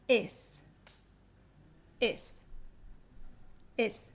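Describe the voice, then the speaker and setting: Slow, careful woman teaching pronunciation. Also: high voice. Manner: slow, careful, repeats syllables for practice. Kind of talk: podcast pronunciation lesson.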